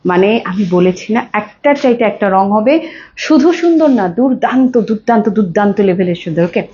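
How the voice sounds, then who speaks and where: A woman with a Bangladeshi Bengali accent and a hoarse voice, pitching saris in an effusive live sales stream. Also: mellow. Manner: effusive, mixes English phrases. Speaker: live-stream saree seller. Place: clothing showroom. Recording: dull lo-fi live stream with faint noise.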